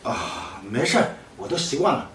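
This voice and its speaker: A man's voice: mid-range voice, very animated, moderate pace. An earnest young foundling's father, echoey. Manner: earnest, talks with many fillers. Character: kind-hearted young man raising a foundling. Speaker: single father. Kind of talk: short web drama acting. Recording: echoey room with loud background noise.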